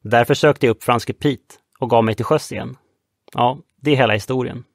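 A man's voice: medium pitch, gravelly, dry recording, clean studio sound. A man voicing a young sailor who earnestly recounts his past in an audiobook. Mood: wistful. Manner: earnest, reflective storytelling.

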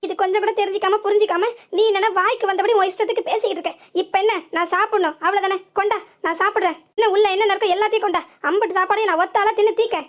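A woman's voice: very high-pitched, fairly even intonation. A woman voicing a hot-tempered village man. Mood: bitter. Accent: southern Tamil Nadu. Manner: heated scolding, drawn-out reproach.

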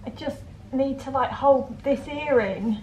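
A woman's voice: high-pitched, a little slow, darkish tone. A young woman chatting casually in her vlog, bubbly and full of exclamations. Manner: bubbly and exclamatory, gushes at dogs. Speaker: vlogger.

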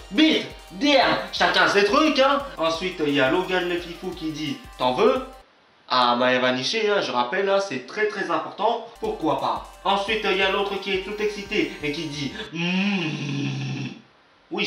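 A man's voice: high-pitched, far from the mic. Swearing young man in an echoey room. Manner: swears a lot, playfully sarcastic, swings between shouting and mumbling. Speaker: YouTube host. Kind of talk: comedic reading of viewer comments. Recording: echoey room, voice off-mic, faint music.

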